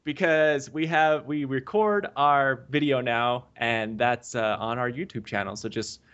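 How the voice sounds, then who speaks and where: A man's voice: mid-range voice, unhurried, fairly bright tone, clear, resonant tone, muffled recording. A man hosting a casual podcast chat, laughing often, his audio glitchy and cutting out. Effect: glitchy audio that keeps cutting out. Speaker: podcast host.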